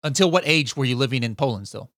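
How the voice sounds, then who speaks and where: A man hosting a podcast in casual interview chat, upbeat and quick with follow-up questions. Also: mid-range voice, lively intonation, a bit bright, dry recording, clean studio sound. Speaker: podcast host.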